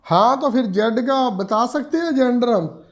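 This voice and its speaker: A man's voice: very high voice, animated, unhurried. A man teaching a reasoning class, explaining step by step and repeating key words for students. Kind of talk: classroom lecture.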